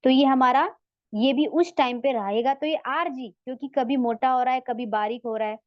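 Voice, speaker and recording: A woman's voice: sits high, moderate pace, no room sound, muffled recording. A woman teaching a recorded online lesson, patiently repeating each sound several times and checking in with her learners as she explains. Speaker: Tajweed teacher.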